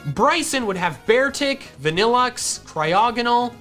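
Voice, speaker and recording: A woman's voice: fairly high pitch, expressive, a little slow, a bit bright. A woman reading a scripted explainer narration for a video, with music behind her. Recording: music in the background.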